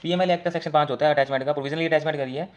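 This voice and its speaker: A man's voice: on the high side, steady tone. A man teaching an exam case study, talking directly to students as he works through answers. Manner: rapid, talks to students directly in mixed Hindi and English.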